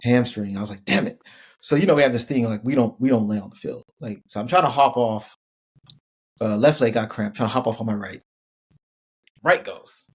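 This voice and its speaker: A man's voice: medium pitch, brisk, slightly rough. A man in middle age telling a laid-back, laughing story as a podcast guest, with a lot of casual fillers. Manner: relaxed, laughing, lots of "like" fillers. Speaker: podcast guest, former college football player.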